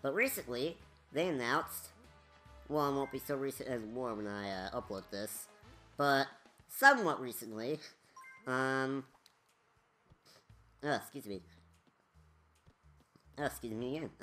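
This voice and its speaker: A woman's voice: extremely low pitch, bright, forceful tone. A woman giving casual, rambling commentary over a game walkthrough, chatty with many fillers.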